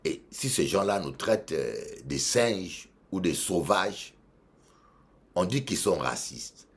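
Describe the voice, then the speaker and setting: Slow and sing-song, a low-voiced man with a Congolese French accent delivers a sermon as a bishop. He hammers home repeated phrases and alternates between booming and hushed delivery.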